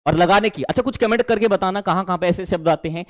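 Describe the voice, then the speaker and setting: A man's voice: high voice, fast talker. A man teaching spoken English in a live online class, coaxing his students and praising their answers, with an Indian accent in his English. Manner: animated, coaxing, calls students "dear children".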